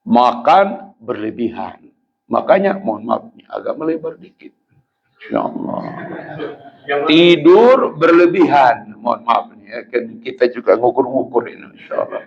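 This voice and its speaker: A man preaching a humorous religious lecture, teasing his audience and breaking into sudden loud outbursts. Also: medium pitch, sing-song, measured pace, lo-fi sound. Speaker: Islamic preacher.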